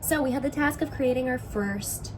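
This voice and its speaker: A young woman with vocal fry and a sore throat talks in a casual, slangy vlog style, often dropping in "like". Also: high voice, moderate pace, noisy background. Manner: informal, slangy, frequent "like". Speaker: vlogger, musician and sketch writing student.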